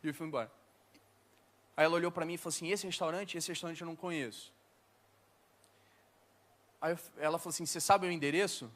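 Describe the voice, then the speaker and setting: A man's voice: on the high side, fairly even intonation, quick pace, pauses often, fairly bright tone. A man preaching in a casual storytelling way, mocking himself as he recounts an anecdote. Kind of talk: storytelling sermon.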